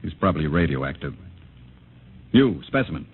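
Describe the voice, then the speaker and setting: An actor playing a cold, pompous government official of a dystopian future in clipped, commanding 1950s radio drama style. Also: male voice, very deep voice, sing-song, moderate pace, slightly rough, heavily acted. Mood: haughty. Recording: muffled old radio broadcast.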